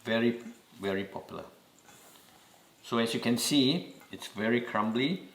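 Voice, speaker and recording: Slow Singaporean man in an echoey kitchen. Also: mid-range voice, a bit bright. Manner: slow, patient instructions with repeated reminders. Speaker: home cooking host. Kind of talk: step-by-step cooking demonstration.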